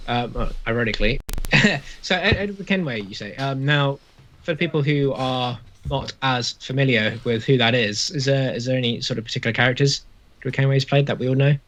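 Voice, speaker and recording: A man's voice: medium pitch, normal speed, fairly bright tone. A British man hosting a casual podcast, putting questions to friends over a video call. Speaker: podcast host. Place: indoor video call from home. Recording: slightly dull video-call audio.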